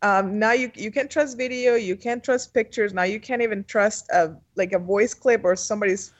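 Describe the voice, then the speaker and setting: A woman taking part in a casual podcast chat, earnest and worried, with halting restarts. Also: medium pitch, lo-fi sound.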